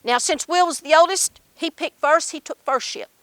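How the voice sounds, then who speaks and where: A woman's voice: high-pitched, moderate pace, no echo. An older woman with an Appalachian accent, telling stories and memories in a folksy, emphatic way with dialect grammar. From Appalachian Mountains, Kentucky, USA. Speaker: storyteller. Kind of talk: live oral storytelling and personal reminiscence.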